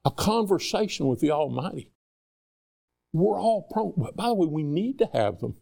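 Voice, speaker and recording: A man delivers a sermon in a loose, conversational way, tossing rhetorical questions at his listeners. His voice sits a little high and carries a gravelly edge. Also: big pitch swings, normal speed, warm tone. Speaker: preacher.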